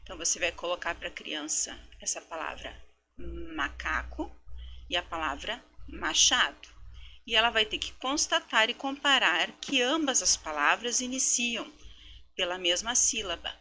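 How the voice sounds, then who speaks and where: A woman teacher giving a recorded lecture, explaining step by step and sounding out words slowly syllable by syllable, with frequent tag questions. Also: mid-range voice, pushed and bright. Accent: Brazilian Portuguese. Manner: explanatory, slow syllable-by-syllable demonstrations. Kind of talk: recorded lecture for education students.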